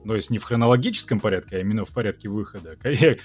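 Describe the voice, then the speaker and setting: Man, dubbing actor, podcast guest, fairly low voice, halting and reflective, faint music behind. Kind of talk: casual podcast chat.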